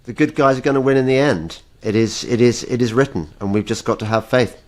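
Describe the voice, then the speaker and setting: A man hosting a podcast interview, speaking in measured, unhurried remarks. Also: medium pitch. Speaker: podcast host. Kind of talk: conversational interview.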